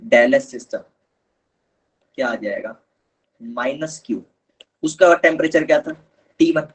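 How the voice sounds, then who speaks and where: A man's voice: mid-range voice, a little slow, breathy edge, rough recording. A man teaching a live online chemistry lesson, patiently explaining step by step and calling his students kids.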